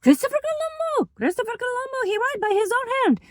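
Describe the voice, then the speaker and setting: A woman voicing an excitable Italian male tour guide who proudly shows off relics in broken English with an Italian accent. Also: very high-pitched, fast talker, no room sound, clean studio sound, pitched above the performer's own voice. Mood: insistent.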